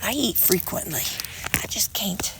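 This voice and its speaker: Outdoors by a sidewalk and gravel bed, a Missouri vlogger chats folksily to her handheld phone while weeding, rambling and restarting often. Her slightly nasal, gravelly voice is medium-pitched, expressive and fairly bright, partly whispered at a measured pace, and the recording quality is low.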